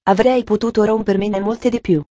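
A woman reading the part of a grumpy, bedridden older man in an audiobook, gruff and sarcastic. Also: mid-range voice, steady tone, moderate pace, dark tone, dry recording, dull audio, close to an everyday voice.

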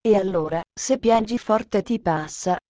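A woman voicing a kindly male doctor who speaks gently and calmly, in a storybook reading. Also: medium pitch, no echo, natural voice. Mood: gentle. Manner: gentle, soothing, unhurried.

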